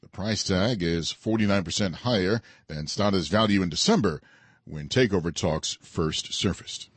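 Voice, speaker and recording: A man's voice: low-pitched, moderate pace, slightly rough, no room sound. A man presenting scripted news as a radio anchor.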